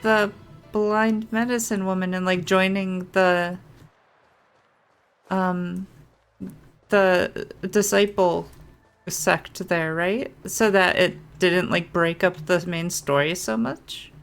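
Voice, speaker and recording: Faint game music runs behind this gaming streamer, a young woman whose lowish voice stays steady and clean. She talks slowly, musing aloud and wandering through her informal commentary on the gameplay.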